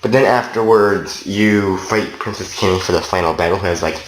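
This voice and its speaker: A man's voice: deep voice, moderate pace. A man from Canada giving a loose, meandering and profane game review in a casual tone. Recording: roomy echo, faint noise.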